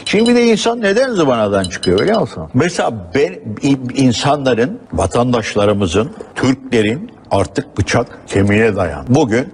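A man appearing as a guest in a heated televised debate, speaking slowly in a needling, mock-calm way. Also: mid-range voice, slight background noise. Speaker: studio guest.

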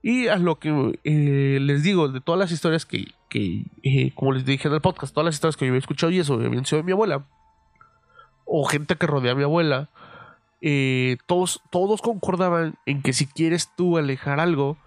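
A young man with a Mexican accent, telling a story casually on his podcast, swearing freely and filling pauses with "eh". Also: a little high, no room sound. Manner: profane, loose, full of fillers. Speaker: podcast host.

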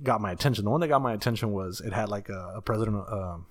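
A man's voice: fairly low pitch, rapid-fire, no echo, studio quality. A man in casual chat, laid-back and swearing freely, calling his friend dude.

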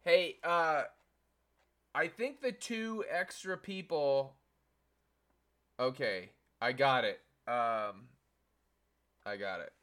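A man co-hosting a podcast in casual banter, halting and hesitant with many fillers while setting up a scene. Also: mid-range voice, bright, forceful tone. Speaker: podcast co-host.

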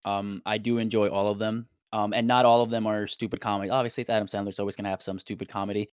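A man's voice: fairly low pitch, level tone, very fast, smooth, no room sound, studio quality. A young man from Puerto Rico chatting casually on a podcast, rambling as he counts off his points.

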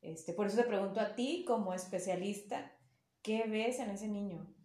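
A woman's voice: mid-range voice, normal speed, darkish tone. A woman with a northern Mexican accent, chatting casually as a podcast co-host. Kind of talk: casual conversational chat. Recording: roomy echo, faint music.

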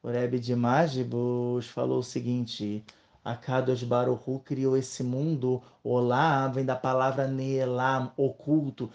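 A man with a Brazilian Portuguese accent gives a relaxed Torah lesson at a mid-range pitch. He tells his stories in a lively, joking way. The recording sounds dull and lo-fi. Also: slow pace, gravelly. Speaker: Torah teacher. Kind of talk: casual weekly Torah lesson.

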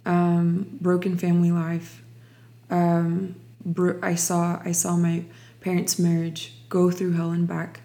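A woman's voice: on the low side, completely flat delivery, mellow. A young woman from Ukraine sharing her personal faith testimony in an interview, reflective and full of restarts. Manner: slow, reflective, many restarts.

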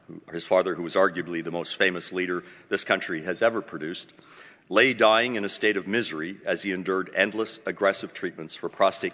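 Grand, low-voiced male announcer in a hall. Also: fairly bright tone. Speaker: club president hosting a luncheon event. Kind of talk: formal speech introducing a public event. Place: hotel meeting hall. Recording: muffled microphone in a reverberant hall.

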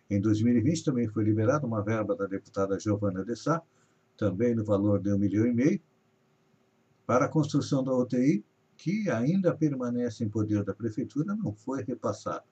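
This live news show host is a man from Brazil, his medium-pitched voice dark and a little rough. He reads out regional headlines and stories with mounting emphasis, captured in dull, lo-fi sound.

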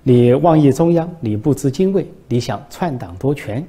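Comedy sketch: a bumbling, evasive male leader who deflects blame, done by a man with a husky voice. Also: mid-range voice, lively intonation, fairly quick, dark tone. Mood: indignant. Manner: stumbling over words, deflecting blame.

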